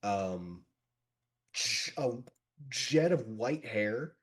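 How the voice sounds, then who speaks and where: A man's voice: on the low side, animated, very slow, fairly bright tone. A man narrating a tabletop game as game master, describing scenes with frequent fillers and restarts.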